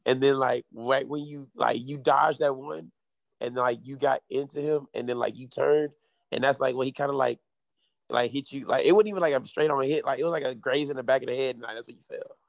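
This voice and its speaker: A man's voice: mid-range voice, fairly even intonation, a little fast, vocal fry, no echo. A young man casually retelling events in sweary frat-bro slang, peppered with filler words. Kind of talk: casual chat, animated retelling.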